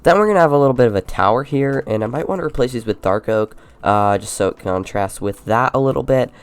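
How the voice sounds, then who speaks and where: A young man with a congested voice from a mild fever talks through his building project in a loose, rambling way, full of little fillers. His tone is smooth and clean at an ordinary pitch, and he sounds relaxed and easygoing. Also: fast. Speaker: Minecraft YouTuber. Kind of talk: casual gameplay commentary.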